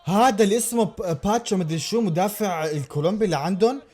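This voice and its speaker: Male football reactor, pitched high, loud repeated exclamations. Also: racing. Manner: excitable, exclaiming and repeating himself. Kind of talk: live match reaction.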